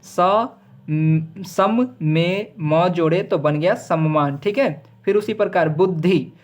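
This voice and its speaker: A male schoolteacher talks students through a grammar lesson. He slows right down to read each answer aloud, tags lines with quick checks, and drops in English words. When he slips he corrects himself with a quick "sorry". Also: on the high side. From Bihar, India. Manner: reads answers out slowly, with frequent "ठीक है" checks; self-corrects with "sorry" mid-sentence. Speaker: teacher. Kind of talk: recorded class lesson.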